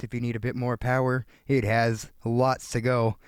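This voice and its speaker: A man's voice: mid-range voice, flat delivery, moderate pace, smooth, dry recording. A man from Canada chatting casually to viewers while testing studio microphones, thinking aloud with fillers. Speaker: video creator testing microphones. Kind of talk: casual gear review talking to viewers. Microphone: switching between studio dynamic microphones.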